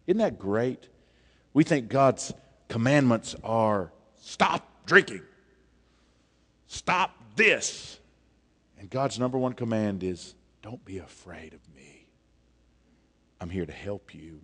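A man, preaching an animated sermon on a church stage, dropping to a hush for emphasis. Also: lowish voice, slightly rough. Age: 40s. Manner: animated, gestures widely, drops to a hush for emphasis. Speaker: pastor. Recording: long reverb of a church hall.

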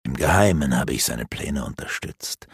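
Man voicing a scheming dark sorcerer, low sneering voice, gravelly, dry studio sound. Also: lively intonation, dry recording, heavily acted. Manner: mocking, low and slow. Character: sneering sinister male renegade sorcerer. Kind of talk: audiobook character voice.

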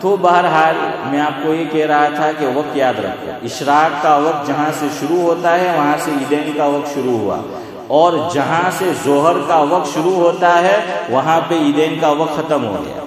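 A man's voice: on the high side, moderate pace. Male scholar, conversational lecturing style, reverberant hall with audible crowd. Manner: conversational, asks listeners rhetorical questions. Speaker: Islamic scholar. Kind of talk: religious lecture.

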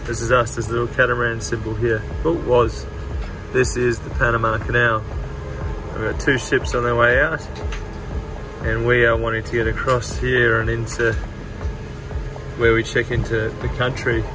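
A man's voice: mid-range voice, flat delivery, normal speed. A man hosting a sailing vlog, talking casually and matter-of-factly from his catamaran. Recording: music playing under the voice.

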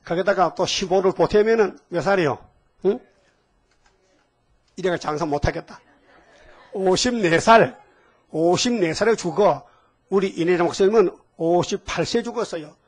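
A man's voice: high-pitched, moderate pace, husky. A man in his seventies preaching a sermon in a folksy way, asking the congregation questions and adding homely asides. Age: 70s. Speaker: pastor. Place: church hall.

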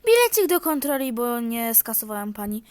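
A woman's voice: fairly high pitch, very animated, normal speed, a little mellow, no echo. A woman voicing a stern, officious male train ticket inspector. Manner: officious, insistent.

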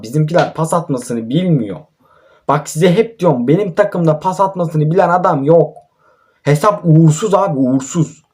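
In a slightly high, slightly mellow voice, a young YouTuber comments on a mobile football game, venting his frustration and swearing at his own players.

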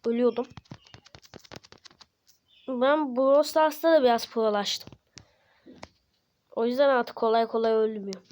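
A woman hosting a gaming channel, giving excited gameplay commentary, slangy and playful as she cheers on and taunts her teammates. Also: a little high, measured pace, pauses often, clear, resonant tone.

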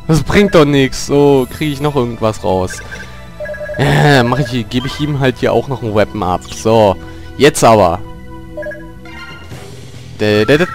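A man commenting on his own gameplay, grumbling and cursing at the game, with loud yelps and outbursts whenever he gets hit. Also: medium pitch. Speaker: let's player. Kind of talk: gaming commentary.

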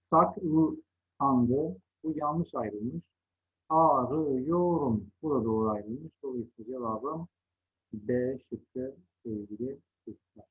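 A man's voice: mid-range voice, a little slow, breathy edge, narrow, tinny audio. A middle-aged man teaching a second-grade spelling lesson, patiently contrasting wrong and right word forms. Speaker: primary school teacher.

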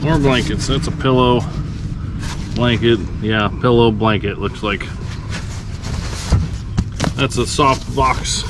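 A man's voice: mid-range voice, fairly even intonation, slow, long pauses. A man from Nebraska casually chatting outdoors while sorting through a storage unit. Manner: chatty, upbeat, calls out finds. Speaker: reseller vlogger. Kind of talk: casual chat while unboxing. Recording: loud outdoor noise.

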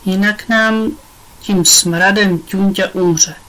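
A woman reader gives voice to a sensible, slightly fussy young girl in a children's story. Her tone sits a little lower and sounds worried. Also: fairly even intonation, fairly bright tone, natural voice, low-quality recording.

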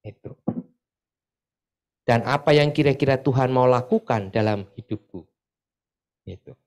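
A man's voice: mid-range voice, unhurried. Chatty man leading a church sharing session. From Pasuruan, East Java. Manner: chatty, often adds filler tags, lively when retelling stories. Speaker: church group facilitator. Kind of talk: casual sharing talk to a church group. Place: church meeting room.

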